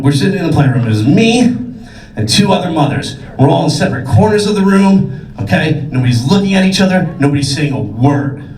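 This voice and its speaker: Loud potty-mouthed stand-up guy, high voice that bounces all over, echoey club room. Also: recorded from a distance. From New York State. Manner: brash, profane, self-mocking punchlines. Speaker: stand-up comedian. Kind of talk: stand-up comedy set. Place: comedy club stage. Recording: roomy club recording, faint crowd.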